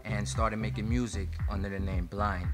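Young man, slightly low voice, laid-back casual talk, lots of fillers, TV studio interview, music underneath. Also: steady tone, normal speed. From Armenian-American, raised in Amsterdam. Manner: laid-back, heavy on "you know" fillers. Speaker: rapper guest. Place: TV studio set.

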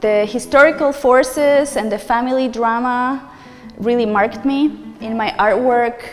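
A woman's voice: fairly high pitch, unhurried, big-room sound, soft background music. A woman in her forties from Argentina, Spanish her first language, an artist speaking earnestly and reflectively about her work in a gallery. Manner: earnest, reflective, gestures as she talks. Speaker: visual artist. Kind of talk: gallery talk to camera. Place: large bright art gallery indoors.

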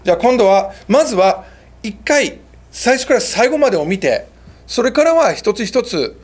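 A man hosting a casual English lesson, chatty, slowing down for English phrases. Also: very high-pitched, big pitch swings. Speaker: English teacher and show host.

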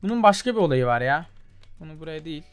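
A man's voice: on the high side, animated, fast talker, clean tone, soft background music. A young man giving casual, chatty commentary while he plays, muttering to himself as he tries things and talking straight to his viewers. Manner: chatty, mutters while trying, calls viewers "abi" and "gençler". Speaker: gaming YouTuber.

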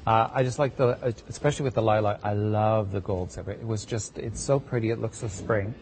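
A man's voice: fairly low pitch, brisk, a little mellow, a little hiss or hum. A middle-aged man chatting casually as a designer guest on a home shopping show, gushing in loose, rambling phrases. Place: TV shopping studio.

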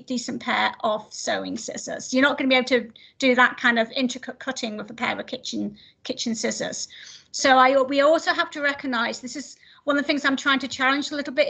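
High-voiced woman on a video call. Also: vocal fry, a bit bright, slightly rough. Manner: hesitant, many restarts and fillers. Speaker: speaker answering questions after her talk. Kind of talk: casual academic Q&A.

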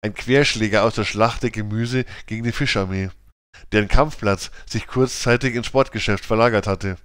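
A man reading a children's audiobook with even, clear storytelling. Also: lowish voice, normal speed, dry recording, studio quality. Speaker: audiobook narrator.

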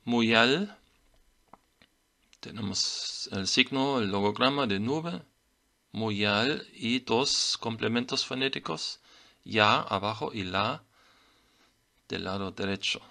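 A man whose first language is German, slowly explaining Maya glyphs in a lesson, pausing to read out each sign. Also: fairly low pitch, gravelly, pushed and bright. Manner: slow, deliberate reading of glyph names. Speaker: teacher of Maya writing.

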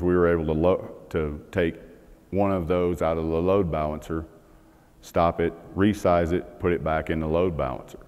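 A man's voice: low-pitched, a little mellow. A middle-aged man giving a technical talk on a conference stage, conversational with fillers and restarts. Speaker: conference speaker. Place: large conference hall stage. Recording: long hall reverb.

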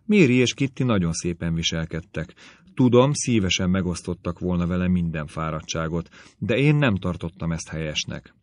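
A man voicing a gentle, careful young woman, the elder sister, in a measured audiobook reading. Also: sits low, lively intonation. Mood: anxious.

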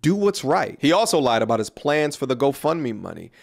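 A man's voice: mid-range voice, sing-song, brisk, vocal fry. A man in his thirties delivering a pointed, earnest commentary on a studio microphone in a small room. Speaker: commentary YouTuber. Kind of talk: scripted commentary video. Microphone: studio mic on a boom in front of him.

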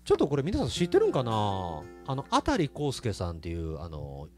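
Lively Kansai-accented man chatting live. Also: mid-range voice, fairly quick, soft background music. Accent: Kansai Japanese. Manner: lively, chatty, laughs often. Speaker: singer hosting a live stream. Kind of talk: casual chat between songs. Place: small live music venue.

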